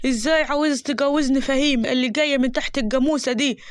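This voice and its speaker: A woman's voice: high voice, steady tone, very fast, no room sound, studio quality, natural voice. A woman with an Egyptian accent voicing an arrogant young male medical student who speaks with scorn. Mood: scornful. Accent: Egyptian Arabic. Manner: scornful, snobbish.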